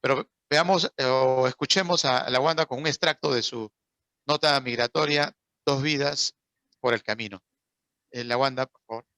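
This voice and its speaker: Gravelly, bright-voiced man hosting. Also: mid-range voice, moderate pace, no echo. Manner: chatty, with fillers and tag questions. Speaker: contest host. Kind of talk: casual live talk.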